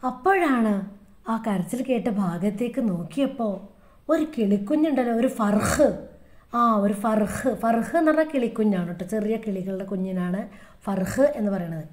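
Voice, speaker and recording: A woman's voice: medium pitch, normal speed, darkish tone. A woman with a Kerala Malayalam accent teaching a recorded lesson to young children, repeating words and making animal sounds in a sing-song way.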